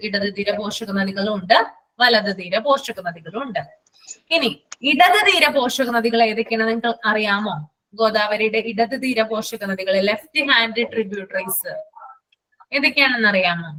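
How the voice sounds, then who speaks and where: A woman teacher, running a live online class and repeating lists slowly so students can write them down. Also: medium pitch, bright, forceful tone, poor audio.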